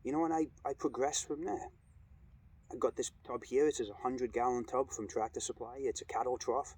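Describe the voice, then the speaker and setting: A middle-aged man talking casually and reflectively in a vlog, with an earnest, measured, halting delivery. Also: slightly rough. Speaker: cold exposure vlogger. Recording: steady background noise, ambient rumble.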